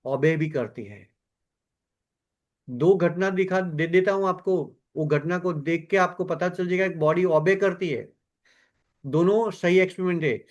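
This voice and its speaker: A man gives a self-help lecture as a doctor. He is animated, and his pitch and pace keep swinging up and down to stress his points.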